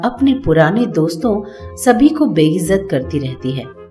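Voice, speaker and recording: A woman narrating a cartoon moral story in a steady, plain storytelling manner. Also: mid-range voice.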